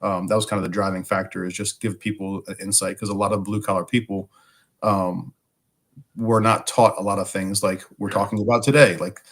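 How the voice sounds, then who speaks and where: Hoarse man with a smoker's rasp. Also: low-pitched, level tone, brisk, a bit bright. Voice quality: raspy, smoker-like. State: hoarse from bronchitis, fighting a cough. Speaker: guest, firefighter and podcaster. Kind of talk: casual chat.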